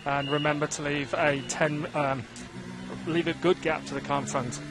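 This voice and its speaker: A man working as a race engineer, giving calm, reassuring, repeated instructions over race team radio. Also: on the high side, moderate pace, over music.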